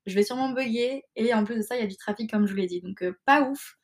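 A young woman hosting her own podcast in casual chat, her tired voice cracking and jumping in pitch, hesitant and self-deprecating. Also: quick pace. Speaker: podcast host.

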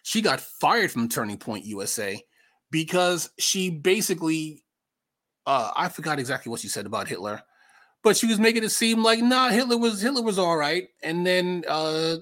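A man with an American accent hosts a podcast, giving casual, opinionated political commentary. His voice is a little high with a fairly bright tone. He's conversational and emphatic, repeating himself for effect.

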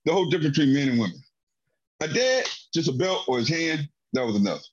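A man telling childhood stories in a casual chat, animated and laughing often, with a profane, lively delivery. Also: fairly high pitch, fast, a little hiss or hum. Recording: dull lo-fi audio.

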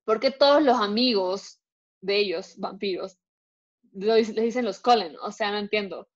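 A woman's voice: mid-range voice, normal speed. Young woman co-hosting a chatty podcast. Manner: chatty, mixes Spanish and English. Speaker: podcast co-host. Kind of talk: casual chat. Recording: dull lo-fi recording.

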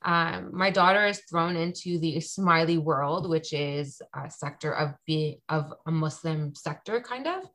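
A woman in her thirties from Toronto, chatting casually as a podcast guest with lots of ums and quick asides. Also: low voice, a bit bright. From Canada (Toronto). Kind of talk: casual conversation.

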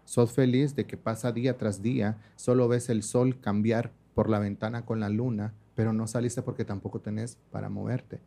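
A man's voice: on the low side, normal speed, vocal fry, few pauses. A young man, chatting as a makeup artist guest and acting out the voices in his stories. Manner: animated storyteller, acts out quoted voices, laughs often. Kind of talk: casual conversational interview.

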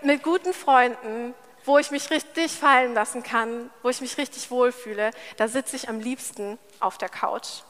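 A woman's voice: on the high side, normal speed, few pauses, fairly bright tone, big-room sound. A young woman giving a casual, chatty sermon at church, laughing often as she talks. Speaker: church speaker.

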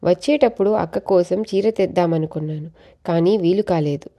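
Clever young woman in a storybook, teasing, scolding, confident, read by a woman narrator; mellow low voice. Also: normal speed.

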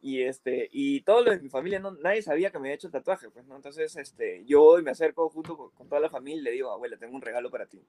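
A man co-hosting a casual chat, telling a family story loudly. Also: mid-range voice, fast talker, hardly any pauses, dry recording. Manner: storytelling, loud, laughing.

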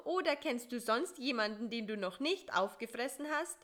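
A woman voicing a clever, pushy male fly who talks fast and high with restless eagerness. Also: lively intonation, a bit bright. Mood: eager.

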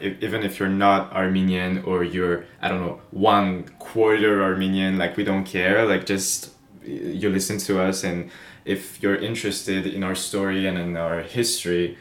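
A young man from France with a French accent, co-hosting a podcast in casual, chatty talk. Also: low-pitched. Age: young adult. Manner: relaxed, chatty, laughs easily. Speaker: podcast co-host. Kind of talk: casual chat. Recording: echoey room.

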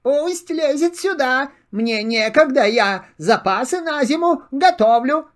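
An older man voicing a busy, bossy female squirrel with a sharp, scolding manner. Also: very high voice, expressive, takes it slowly, pitched above the performer's own voice, exaggerated voice.

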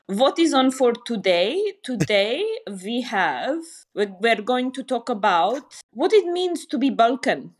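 A woman's voice: on the high side, very animated, unhurried. A woman from Australia co-hosting a podcast, chatting in a giggly, teasing way. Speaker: podcast co-host. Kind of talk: casual chat.

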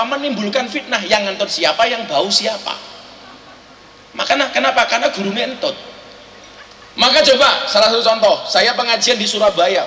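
High bright Javanese-accented joking preacher. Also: male voice, slight background noise. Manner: joking, teasing, rhetorical questions. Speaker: Islamic preacher. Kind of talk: humorous sermon. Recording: echoey hall, faint ambience.

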